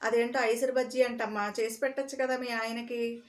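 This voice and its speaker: A woman's voice: on the high side, little pitch movement, normal speed, voice pushed up, close to an everyday voice. A woman voicing a group of village neighbors who scold and demand answers. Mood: coaxing.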